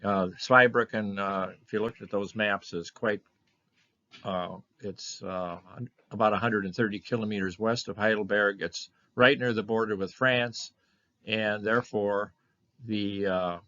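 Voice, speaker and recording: Older man, slow and halting lecturer, bright slightly low voice, muffled lo-fi room recording. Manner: halting, many fillers and restarts. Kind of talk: presenting a slide lecture on family history. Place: meeting room of a historical society.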